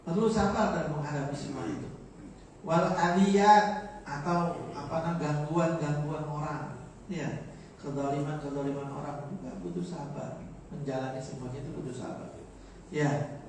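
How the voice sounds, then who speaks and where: A man's voice: on the high side, normal speed, a little mellow, distant mic, a little hiss or hum. A man with a Betawi accent giving a joking, informal morning sermon, explaining Arabic phrases. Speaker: religious teacher. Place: large mosque hall. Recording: echoey mosque, mic from afar.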